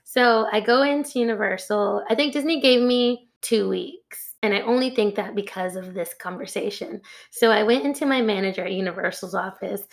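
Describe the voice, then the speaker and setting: A young woman chatting as a guest in an interview, telling a lively story, says "like" often and acts out what others said. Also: mid-range voice, normal speed, creaky, hardly any pauses. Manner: animated, acts out quoted voices. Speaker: guest, costume pattern maker.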